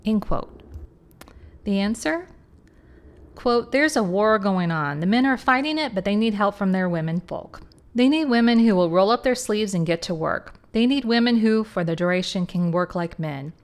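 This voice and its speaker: A woman's voice: mid-range voice, expressive, moderate pace. A woman hosting a history channel, reading quotes from old fashion articles and cutting in with sarcastic asides. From rural upbringing. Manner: sarcastic asides between quotations.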